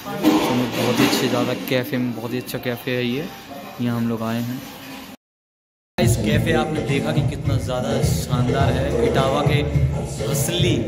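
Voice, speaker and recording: A man's voice: medium pitch, rough recording. A young man casually narrating his own vlog from a cafe, talking to viewers with a phone held at arm's length. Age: young adult. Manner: chatty, addresses viewers as guys. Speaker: vlogger. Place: cafe, indoors.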